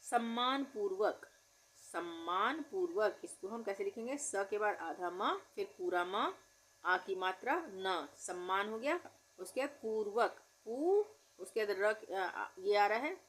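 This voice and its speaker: A woman teaching difficult Hindi words, with an Indian accent, saying each word slowly and spelling it out patiently. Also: medium pitch, lively intonation, fairly bright tone. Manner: patient, drawn-out word-by-word pronunciation. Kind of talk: slow spelling-out lesson.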